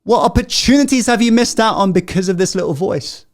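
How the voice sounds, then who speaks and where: A high-voiced man with lively intonation, talking a little fast, hosts a live motivational masterclass. He throws rhetorical questions at the crowd and veers between loud, emphatic pushes and quiet, intimate asides.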